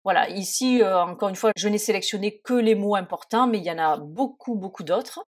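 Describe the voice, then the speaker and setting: A woman's voice: mid-range voice, fairly quick. A woman teaching an English lesson in French, often hesitating and spelling words out letter by letter. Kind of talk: spoken lesson.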